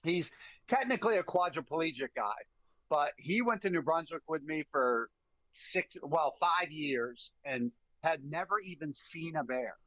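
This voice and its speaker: Animated man telling hunting stories. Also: fairly high pitch, unhurried, dry recording, highs cut off. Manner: animated, repeats words, emphatic. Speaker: guest, bear hunting guide. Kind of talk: casual storytelling.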